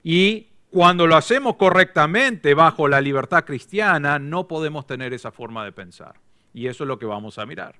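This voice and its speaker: A man's voice: on the high side, lively intonation, normal speed, pushed and bright. A male pastor with an Argentine accent giving a conversational sermon and telling a story. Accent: Argentine Spanish.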